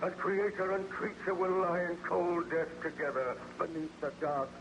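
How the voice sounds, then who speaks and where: A man's voice: high voice, level tone, normal speed. An actor playing a wounded, remorseful monster in declamatory, formal 1930s radio style, bitter and grieving for his creator. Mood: solemn, resolved. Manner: declamatory, anguished, archaic formal speech. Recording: noisy, muffled old-time radio recording.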